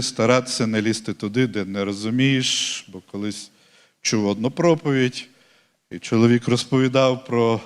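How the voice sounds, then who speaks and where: A man preaching a sermon as pastor, earnest and conversational, slowing down on key words and lifting his voice to stress them. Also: medium pitch, clean tone.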